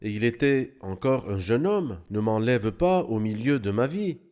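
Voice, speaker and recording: A man explaining Bible passages in an animated, teaching manner during a studio discussion. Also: medium pitch, a little slow.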